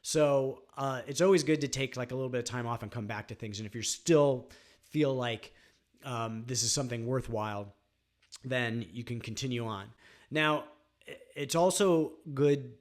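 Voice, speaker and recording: A man's voice: mid-range voice, moderate pace. A man teaching songwriting on guitar in a casual, rambling way, with frequent fillers. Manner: relaxed, rambling, many fillers like "um" and "like". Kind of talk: casual instructional talk.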